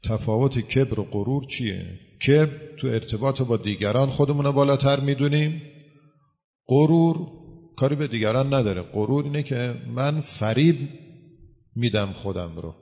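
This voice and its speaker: Male cleric, gravelly voice, explanatory sermon, long hall reverb. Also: mid-range voice, dark tone. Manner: explanatory, uses everyday examples. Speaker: cleric answering questions. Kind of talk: religious talk to a gathering.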